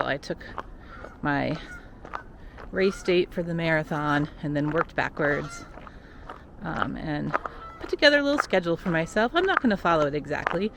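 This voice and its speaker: Lowish-voiced woman doing a casual running vlog outside, chatty and musing, clear outdoor noise behind her. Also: moderate pace, long pauses. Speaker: vlogger and recreational runner. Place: outdoors on park trails.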